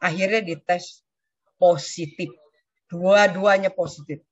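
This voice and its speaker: A woman's voice: on the low side, slow pace, dry recording. An older woman sharing a personal testimony with her church community, telling her story with animation and acting out what others said. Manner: animated storyteller who acts out quoted speech. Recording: dull, dry lo-fi recording.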